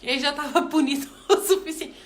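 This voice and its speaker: A woman's voice: high voice, a little fast. A middle-aged woman giving an informal devotional talk, chatty, often turning to her listeners. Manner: chatty, addresses listeners as "gente", frequent "né". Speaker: devotional speaker.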